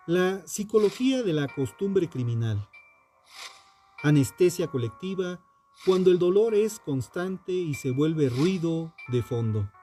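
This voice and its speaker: Reading true crime from a script, a man speaks in a mellow, relaxed tone. He goes slowly and solemnly, using short, dramatic phrases and pausing for emphasis. His pitch is slightly high for a man and shifts expressively.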